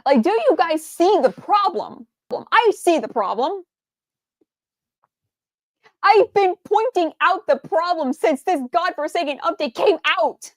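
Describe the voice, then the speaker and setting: A young adult woman streamer gives heated commentary on a game. She is exasperated and blunt, and she swears freely, with a high-pitched voice. The sound is close and dry, with no echo. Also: expressive, slow pace.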